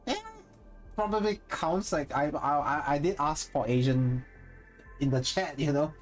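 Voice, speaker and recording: With a higher-pitched voice at a measured pace, this streamer speaks Singaporean-accented English while chatting casually with his live stream viewers. He rambles, thinks out loud and corrects himself mid-sentence. Soft background music plays.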